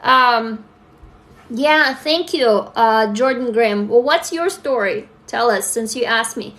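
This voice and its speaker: Woman, young adult, slightly high voice, candid livestream chat, phone mic. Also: slow, fairly bright tone. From Russia. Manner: candid, talks straight to viewers, reads comments aloud. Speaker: livestream host. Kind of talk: casual live-stream chat.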